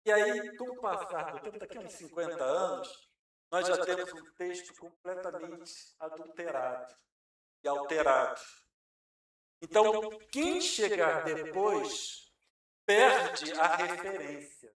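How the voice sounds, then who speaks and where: A man's voice: sits high, lively intonation, slow, fairly bright tone. A man with a Brazilian Portuguese accent giving a Spiritist lecture to an audience, explaining patiently and posing rhetorical questions he then answers. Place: lecture hall. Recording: very echoey hall, mic far off.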